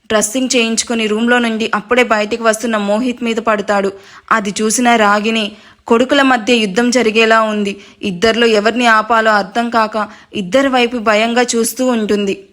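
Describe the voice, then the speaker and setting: Woman narrating a dramatic audio story. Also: a little high. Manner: steady dramatic reading, playful asides. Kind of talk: scripted narration.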